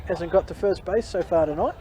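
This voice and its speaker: A man's voice: high voice, brisk. A man doing live, chatty play-by-play commentary at a ballpark. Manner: chatty, jokey. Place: outdoor ballpark with crowd. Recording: crowd noise behind.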